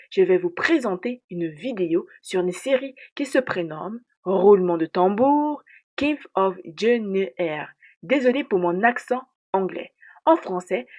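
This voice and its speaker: Woman narrating a show analysis, breathy soft voice, slow and dramatic. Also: mid-range voice. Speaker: video essayist. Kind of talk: scripted narration of a series analysis.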